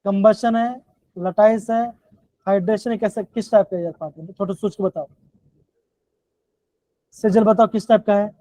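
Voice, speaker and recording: High-voiced male chemistry teacher, repetitive. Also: fairly even intonation, normal speed, long pauses, dark tone, no echo. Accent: Himachali Hindi. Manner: repetitive, keeps calling the students "बच्चों". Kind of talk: live online class lecture. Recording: dull, dry low-fi online class audio.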